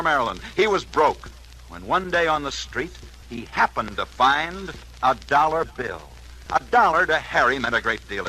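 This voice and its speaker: Male host, old-time radio newsreel announcer, bright punchy tone, wide dramatic pitch swings. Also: a little hiss or hum, rough recording. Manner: dramatic storyteller, swooping pitch and sudden pauses. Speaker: radio sports show host. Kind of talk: 1940s radio sports newsreel storytelling.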